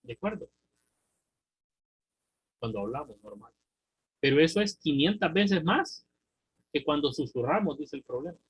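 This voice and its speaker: A man's voice: on the high side, lively intonation, moderate pace, pauses often, slightly rough, rough recording. A man with a Honduran Spanish accent teaching a recorded lesson, thinking aloud through a problem and asking students check questions. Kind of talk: recorded math and physics lesson.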